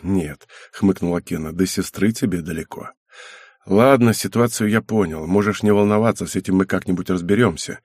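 A man voicing a patient, tired middle-aged father in an audiobook, speaking slowly with sighs. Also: sits low, a little mellow, breathy edge, no echo, studio quality. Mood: calm. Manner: slow, sighing, soothing.

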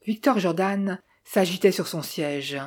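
A woman reading a detective novel aloud with steady, even storytelling. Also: lowish voice, unhurried. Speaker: audiobook reader. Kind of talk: scripted narration.

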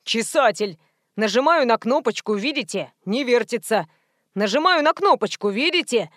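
A woman reading an audiobook voices a stubborn middle-aged male shopper who drones slowly and grumbles. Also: animated, dry recording, studio quality, lightly acted. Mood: grumbling. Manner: slow, droning, lower than narration.

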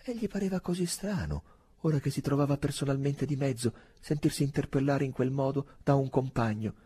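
A man reading a novel aloud as an expressive, dramatic audiobook narration. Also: medium pitch, fairly quick, slightly rough. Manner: expressive, wide-ranging delivery. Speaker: audiobook reader.

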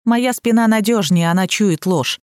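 A woman's voice: medium pitch, normal speed, dry recording, lightly acted. A literal-minded man who takes himself very seriously and mumbles without a trace of irony, read by a woman narrator. Kept close to her own voice, dry and near the mic. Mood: deadpan. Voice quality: mumbling, deadpan.

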